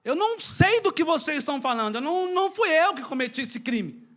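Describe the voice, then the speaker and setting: A man imitating an arrested suspect who pleads that he is innocent, in a high, tearful voice. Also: sing-song, brisk, fairly bright tone, heavily acted. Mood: pleading.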